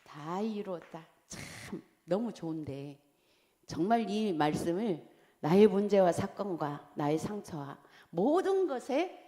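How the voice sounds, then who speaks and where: Warm low-voiced woman preaching in a church. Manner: chatty and candid, laughs at herself, reads outline points quietly. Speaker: pastor's wife preaching to Sunday school. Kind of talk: conversational sermon. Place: church sanctuary. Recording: long church-hall reverb.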